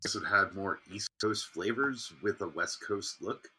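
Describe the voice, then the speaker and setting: Casual male co-host with a low, sharp, husky voice on a call feed that cuts out, so the volume keeps jumping. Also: a little slow, slight background noise, low-quality recording. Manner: laid-back, swears casually. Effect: online call audio cutting in and out, uneven volume. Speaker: podcast co-host. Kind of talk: casual beer-review chat. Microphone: remote call recording.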